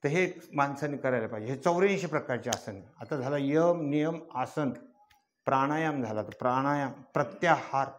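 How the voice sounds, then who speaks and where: A man's voice: mid-range voice, normal speed. An older man giving a devotional kirtan sermon, teaching in a folksy way, asking rhetorical questions and rising into chanted verse. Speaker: kirtan preacher.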